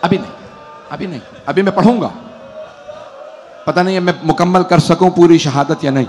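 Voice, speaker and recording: A man delivering a Muharram majlis sermon, telling the story in an emotional, tearful way that swells into loud cries. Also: high voice. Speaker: Shia majlis orator. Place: imambargah gathering hall.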